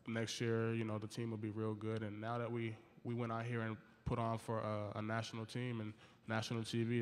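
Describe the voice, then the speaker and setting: A young man, a college basketball player, answering at a press conference into a table microphone, earnest and a little halting. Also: on the low side. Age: young adult. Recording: long reverb of a large room.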